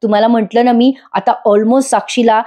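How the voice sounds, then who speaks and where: A woman hosts a voice-over recap of a TV serial. She chats directly with her viewers. Her voice is mellow and sits slightly high. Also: fairly even intonation, moderate pace. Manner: chatty, addresses viewers directly. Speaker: serial reviewer.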